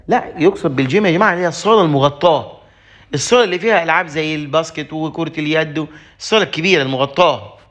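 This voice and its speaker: A man with an Egyptian Arabic accent teaching a lesson, explaining a French text and acting out its dialogue lines. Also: high voice. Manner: lively, acts out dialogue lines in a raised voice.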